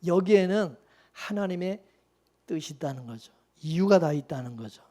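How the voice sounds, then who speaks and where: A man's voice: on the high side, lively intonation, normal speed, dark tone. A man preaching a sermon as the pastor, in a loose conversational way, constantly throwing questions back at the congregation. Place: church.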